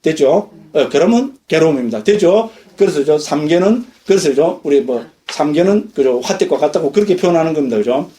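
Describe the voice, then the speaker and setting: Monk, middle-aged man, high voice, mellow tone, lively lecture style. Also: brisk, hardly any pauses. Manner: lively, questions the audience often. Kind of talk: dharma lecture. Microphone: lecture recording.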